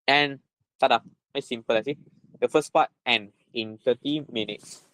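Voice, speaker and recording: A man with a Malaysian accent teaches informally at a middling pitch. He circles back over his points and tags them with short check-in particles. The sound is close and dry, with very little room in it. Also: moderate pace, fairly bright tone, no echo, low-quality recording. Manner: repetitive, punctuating with "right?" and "lah". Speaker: chemistry tutor. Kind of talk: informal spoken lesson.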